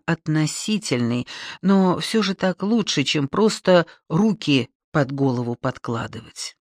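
A scripted novel is read aloud by an audiobook narrator with a medium pitch and an expressive storytelling style. The recording is studio quality, with no room sound.

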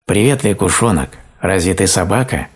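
A man's voice: deep voice, lively intonation, moderate pace, breathy edge, pitched above the performer's own voice. A man voicing a kind, homely young bear cub who speaks in friendly, simple offers.

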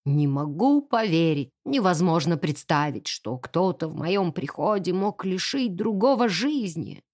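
A woman's voice: on the low side, animated, a little slow, a little mellow, no room sound, studio quality, voice pushed down. Woman doing a timid mumbling vicar. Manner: hesitant, mumbling, apologetic. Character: timid flustered male village vicar.

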